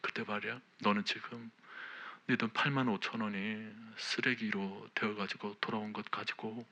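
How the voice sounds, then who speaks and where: A man voicing God as a gentle, sorrowful male inner voice, soft and partly whispered. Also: fairly low pitch, little pitch movement, normal speed. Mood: tender, sorrowful.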